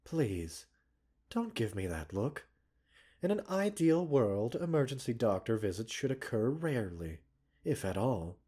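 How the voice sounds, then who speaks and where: In a scripted roleplay ASMR, a man plays a gentle, caring doctor, speaking softly and breathily in a sing-song, medium-pitched voice. His manner is measured and politely formal, concerned and gently chiding.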